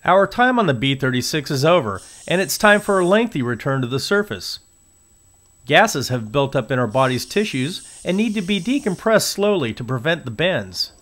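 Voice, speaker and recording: A man giving scripted documentary narration in a steady, informative way. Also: fairly high pitch, moderate pace. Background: music.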